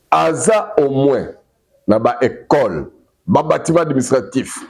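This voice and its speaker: A man's voice: mid-range voice, darkish tone. Emphatic Congolese male news commentator. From Democratic Republic of the Congo. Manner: emphatic, repeats key phrases, mixes two languages freely. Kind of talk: animated political commentary.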